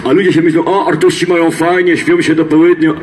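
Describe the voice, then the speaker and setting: Silesian-accented male stage entertainer, higher-pitched voice. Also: little pitch movement, fast talker, a little hiss or hum. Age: middle-aged. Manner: folksy, jokey, repeats himself, addressing the crowd. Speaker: comedian and singer, stage entertainer. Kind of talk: bantering stage patter to an audience in dialect. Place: outdoor stage in a town square. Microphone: handheld microphone through loudspeakers. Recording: live PA with music, filmed from audience.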